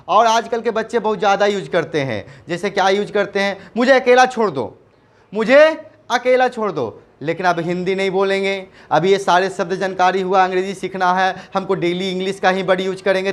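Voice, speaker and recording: A man teaching spoken English in Hindi, slowly repeating short English phrases for students to copy. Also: sits high. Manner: drills phrases slowly, repeating them aloud.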